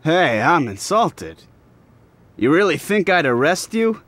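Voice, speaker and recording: An actor playing a dry, teasing detective with a dogged edge. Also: male voice, fairly high pitch, sing-song, slow pace, a bit bright, dry recording, full character voice. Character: wry, dogged male detective hunting a killer. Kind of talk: video game voice acting.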